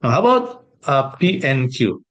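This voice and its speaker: A man working through an exam problem as a math tutor, thinking aloud with pauses and fillers. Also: medium pitch, big pitch swings, a bit bright. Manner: slow, hesitant, thinking aloud while sketching. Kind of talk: exam solution walkthrough.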